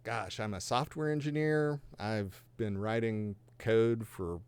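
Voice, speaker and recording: A man in his fifties, originally from Georgia and Texas, tells his personal faith story in a relaxed podcast conversation. His voice sits fairly low and sounds clean and resonant. He speaks earnestly and reflectively, with a light touch of self-deprecating humor. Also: slow, clean tone. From Georgia and Texas, USA. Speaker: guest sharing his faith testimony.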